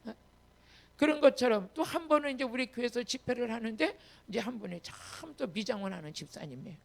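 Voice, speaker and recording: A woman pastor giving an emphatic sermon with personal testimony, her delivery rising to loud commands. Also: on the high side, lively intonation, brisk, gravelly.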